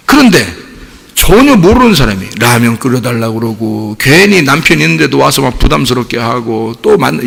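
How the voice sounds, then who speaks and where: A male pastor preaching a sermon in a casual, conversational way, acting out quoted voices and sometimes rising to a shout. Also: fairly high pitch, creaky, big-room sound. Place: church sanctuary.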